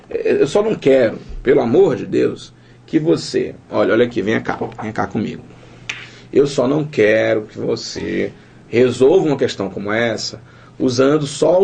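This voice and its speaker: A man's voice: medium pitch, gravelly, darkish tone, slightly rough. A man with a Brazilian Portuguese accent teaching a recorded lesson, keeps checking in with the viewer through tag questions.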